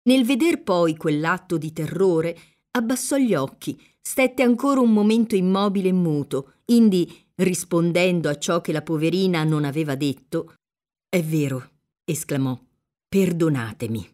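Woman reading a novel aloud, measured. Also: on the low side, expressive, dark tone. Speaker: reader.

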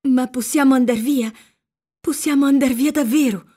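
Woman reading as a frightened young woman, timid, trembling, urgent, a little higher. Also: fairly even intonation, moderate pace, warm tone, husky. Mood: fearful.

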